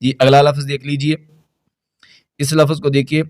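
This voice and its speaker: A man teaching tajweed, explaining words briskly and then reciting the verses in a slow, melodious chant. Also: a little high, level tone, a little mellow, no room sound, studio quality.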